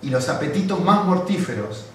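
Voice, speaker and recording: A man's voice: fairly high pitch, normal speed. Echoey preacher man in a big hall. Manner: animated storytelling with acted quotes. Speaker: pastor. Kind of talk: sermon. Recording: very echoey hall, distant mic, faint noise.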